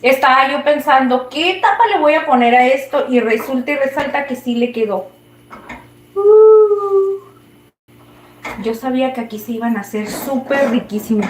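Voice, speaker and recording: A woman's voice: sits high, a little fast, hardly any pauses, roomy sound. A woman with a Mexican accent chatting casually and rambling while she cooks, often laughing. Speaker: cooking vlogger. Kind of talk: casual chat while cooking.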